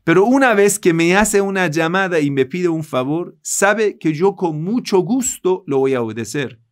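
A man's voice: high-pitched, lively intonation, normal speed. A man from Iran with a Persian accent, a native Persian speaker, teaching a religious class in Spanish and earnestly addressing his listeners. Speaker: Islamic teacher.

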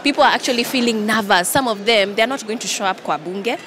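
A woman's voice: fairly high pitch, fast talker, a bit bright. A young woman with a Kenyan accent giving an interview into reporters' microphones, switching between English and Swahili. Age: young adult. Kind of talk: on-the-spot media interview. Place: large indoor event hall. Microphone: handheld reporters' microphones. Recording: clear background noise of busy hall.

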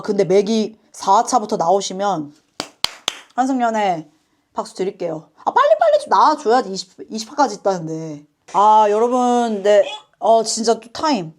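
A woman's voice: on the high side, darkish tone. Chatty woman doing a reaction video. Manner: chatty, quick asides, frequent apologies. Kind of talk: casual reaction chat.

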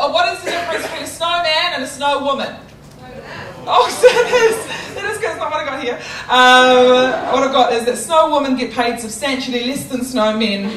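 A young New Zealand-accented woman with a slightly high voice performs a chatty, self-mocking stand-up set on a theatre stage, now and then bursting into loud shouting. Her handheld mic is picked up from a distance with a noisy background, roomy theatre acoustics and crowd laughter.

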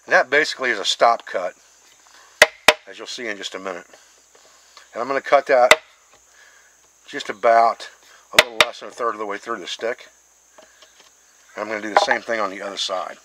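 A man's voice: on the low side, a little fast, long pauses, heavy background noise. A middle-aged man teaching bushcraft outdoors, explaining step by step as he carves a stick. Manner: plain, step-by-step explaining while carving. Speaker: bushcraft instructor. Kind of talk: hands-on outdoor demonstration. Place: outdoors, working on a wooden board.

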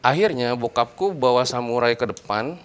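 A young man casually telling a personal ghost story in conversation, animated and acting out the voices of the people in it. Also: mid-range voice, normal speed. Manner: animated, acts out quoted voices. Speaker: guest storyteller.

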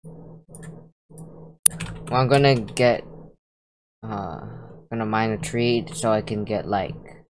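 A woman with an unusually deep, low voice gives casual, excitable commentary while gaming with a friend. She peppers her talk with "dude" and "like" and laughs often. Faint keyboard typing sits behind her. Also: slow pace, pauses often, slight background noise. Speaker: gamer playing with a friend.

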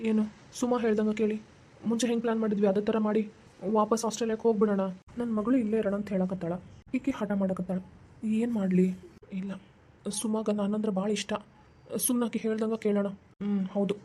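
A woman voicing a gentle, indecisive young husband in a cartoon, with a North Karnataka Kannada accent, soothing and worrying aloud. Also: mid-range voice, flat delivery, fairly quick, pauses often, close to an everyday voice. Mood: worried. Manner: soothing, worried, self-questioning. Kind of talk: cartoon voice acting.

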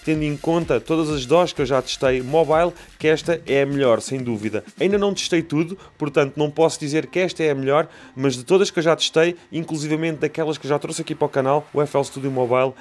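A man with a European Portuguese accent hosting a music production channel, introducing a software tutorial and speaking directly to his viewers with enthusiasm. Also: on the high side, fast, hardly any pauses.

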